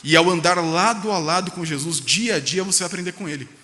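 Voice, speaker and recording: A man's voice: high-pitched, fast, pushed and bright. A male pastor, delivering an emphatic sermon with rhetorical questions in a church. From Brazil. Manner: emphatic preaching, rhetorical questions, voices quoted speech. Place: church sanctuary. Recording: reverberant church hall.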